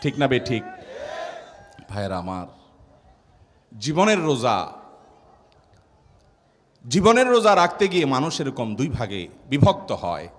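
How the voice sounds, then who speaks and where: A man preaching a sermon in colloquial Bangladeshi Bengali. He tells a story with repeated rhetorical questions and swings between soft, low lines and loud, raised outbursts. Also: big pitch swings, measured pace, long pauses. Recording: long hall reverb.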